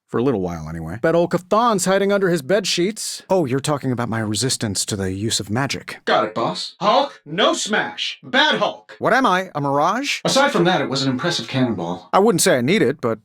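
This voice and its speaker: A cocky American superhero inventor for a video game. His voice sits a little high and swings freely in pitch, recorded close and dry. He tosses out glib, sardonic quips like someone used to being the smartest in the fight. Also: big pitch swings, a bit bright, no echo. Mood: subdued, earnest, then cocky, teasing. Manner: sardonic, glib, fast-witted banter. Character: cocky, wisecracking superhero genius inventor, adult man. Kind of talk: video game voice acting, quippy dialogue.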